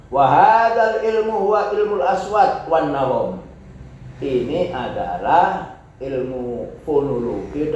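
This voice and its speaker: A male teacher from Indonesia, giving a classroom lecture: he reads Arabic text aloud, then explains it in relaxed Indonesian with many repetitions. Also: medium pitch. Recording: echoey hall, distant and dull mic, faint noise.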